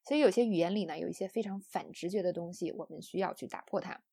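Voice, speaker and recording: A young woman from China teaches English pronunciation in a patient, explanatory way, scattering soft fillers as she goes. Her voice is mellow and a little husky, in a middling register. The sound is dry and close. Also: fairly low pitch, quick pace, no room sound. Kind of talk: online audio lesson.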